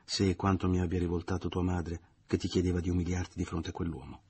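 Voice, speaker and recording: A man's voice: low voice, little pitch movement, fast talker, darkish tone, slightly rough. A man reading aloud and voicing a coy, falsely tender middle-aged woman in a lifted, sing-song tone. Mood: consoling.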